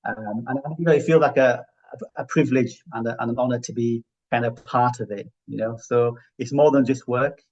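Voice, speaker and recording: Low-pitched Yorkshire man, dull lo-fi audio. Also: fairly even intonation, fairly quick, a little mellow. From Yorkshire, England. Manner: reflective, often seeks agreement with "right?". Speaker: interview guest, healthcare finance professional. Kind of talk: conversational interview answers.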